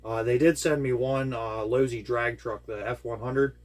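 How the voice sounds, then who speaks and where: A man's voice: medium pitch, steady tone, normal speed. A man hosting his own hobby channel, walking through a build in a casual, enthusiastic way, rambling and full of ums and uhs, talking indoors at home. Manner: enthusiastic, rambling with many fillers. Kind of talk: casual product walkthrough. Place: indoors at home with air conditioning.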